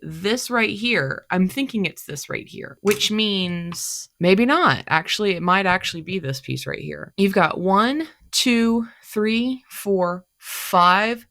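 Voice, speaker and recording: A young woman talks to her camera in a loose, rambling vlog, her voice thick and stuffy from allergies. She thinks out loud and pokes fun at herself, and her pitch sits at an ordinary middle height. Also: animated, slow, gravelly, few pauses. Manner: chatty, self-deprecating, thinks aloud. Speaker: cosplay vlogger. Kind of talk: rambling casual talk to camera.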